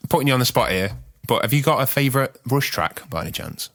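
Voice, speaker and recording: A man's voice: medium pitch, animated, fast, fairly bright tone. A man co-hosts a casual podcast in a mid-range voice. He slips dry puns and wry asides into the chat, then giggles at them. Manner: dry punning jokes, giggly. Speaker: podcast co-host.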